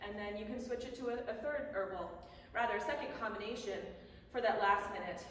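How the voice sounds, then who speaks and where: A woman's voice: mid-range voice, fairly quick. A woman giving casual, conversational instruction as a boxing coach. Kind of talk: instructional talk on bag drills. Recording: echoey hall, distant mic, faint noise.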